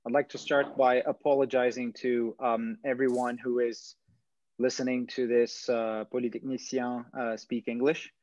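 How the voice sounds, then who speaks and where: A Brazilian startup founder in his thirties presents over a video call from home, a stone wall behind him, hesitating with lots of fillers and restarts. His medium-pitched voice is a little mellow, with little pitch movement and a moderate pace. The webcam gives dull, dry lo-fi audio.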